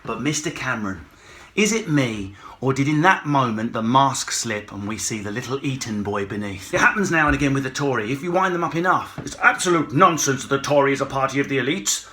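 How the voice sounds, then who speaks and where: A man from Essex with an Essex accent, a comedian on an escalating rant, excitable, sweary and mocking, breaking into put-on voices. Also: medium pitch, fairly quick, a little hiss or hum. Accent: Essex English. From Essex, England. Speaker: stand-up comedian, host.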